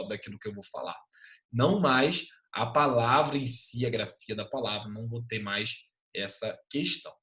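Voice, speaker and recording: A man teaching an online class in a lively way, often checking in with quick tag questions. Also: fairly high pitch, roomy sound.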